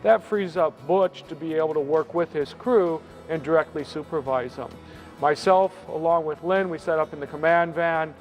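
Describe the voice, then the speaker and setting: A man's voice: a little high, normal speed. A man, a fire incident commander, talking through an after-action debrief in explanatory trade jargon. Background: faint music.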